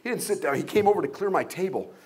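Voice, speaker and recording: A man with a high-pitched voice delivers a motivational talk to an audience as an invited guest speaker. He tells humorous stories, throws rhetorical questions at the crowd and acts out other people's voices along the way. He sounds older and seasoned. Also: expressive, fast. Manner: humorous storytelling with jokes and acted-out voices.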